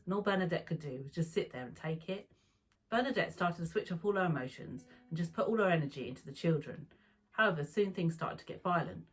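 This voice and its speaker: A woman narrating a true crime story in a calm, even storytelling manner. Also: on the low side, husky, rough recording.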